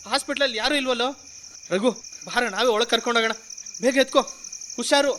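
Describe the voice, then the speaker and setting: A man's voice: very high-pitched, quick pace, a bit bright, a little hiss or hum. An actor playing a caring young man in a radio drama, urgently calling for help and soothing an old woman. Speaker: helpful young neighbour in a radio play.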